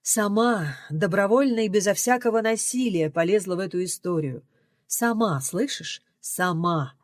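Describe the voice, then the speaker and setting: A woman reading an audiobook, voicing an indignant middle-aged mother who scolds her daughter in loud, rising outbursts, recorded dry and close. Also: medium pitch, expressive, normal speed, no echo, natural voice. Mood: scolding.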